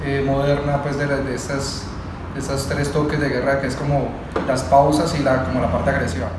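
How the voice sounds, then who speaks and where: A young man from Cali with a Colombian accent, a guest talking casually in slang with halting restarts. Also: mid-range voice, flat delivery, heavy background noise. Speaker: guest musician. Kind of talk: casual interview. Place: indoor room with a drum kit. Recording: echoey room from far off, music behind.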